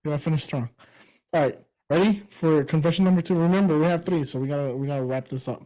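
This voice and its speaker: A young man with a fairly high voice chats casually on a podcast. He tells stories with lots of laughter and animated energy, often breaking into chuckles mid-sentence. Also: quick pace, low-quality recording. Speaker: podcast co-host. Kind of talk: casual podcast chat and storytelling.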